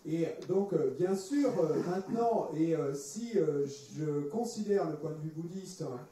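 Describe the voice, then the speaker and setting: A man's voice: a little high, expressive, unhurried, dark tone. A man interpreting a teaching with hesitant phrasing and frequent restarts. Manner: hesitant, many fillers and restarts. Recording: echoey room, distant mic, faint noise.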